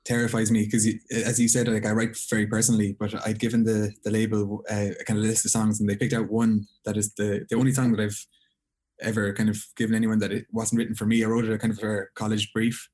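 A man's voice: on the low side, monotone, fast talker, a little mellow. A young man from Galway with a west of Ireland accent, chatting casually and informally as a songwriter being interviewed. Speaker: singer-songwriter, interview guest.

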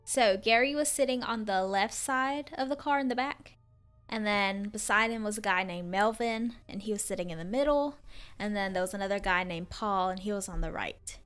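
A woman's voice: mid-range voice, moderate pace, a bit bright, smooth, soft background music. A woman co-hosting a podcast, casually retelling a true story with fillers and acted-out quotes. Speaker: podcast co-host.

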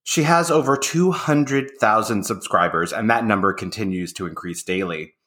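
A man's voice: fairly low pitch, normal speed, bright, forceful tone. A man hosting a podcast interview, reading a guest introduction and then chatting loosely with filler words. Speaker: podcast host, makeup artist. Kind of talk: conversational interview.

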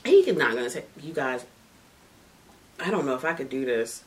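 A woman's voice: extremely low pitch, expressive, moderate pace. A woman hosting a casual chat while smoking, bawdy and playful, laughing often. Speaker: podcast host.

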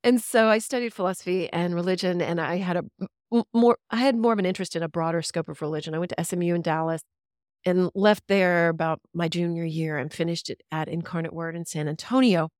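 Speaking on the low side at a quick pace, with a steady, darkish tone, this fifties-aged woman from Central Texas looks back on her life as a podcast guest. A veteran radio voice, she's reflective and chatty with easy laughter in casual interview storytelling, and the studio sound is clean with no echo.

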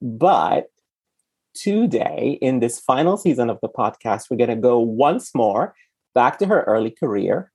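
Man, slightly husky, mid pitch, podcast host, conversational film discussion. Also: mellow. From Sudan.

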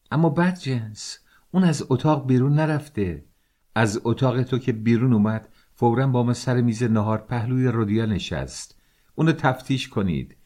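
A man voicing a frantic, indignant woman who shouts and scolds as she defends a girl. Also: mid-range voice, husky, pitched above the performer's own voice.

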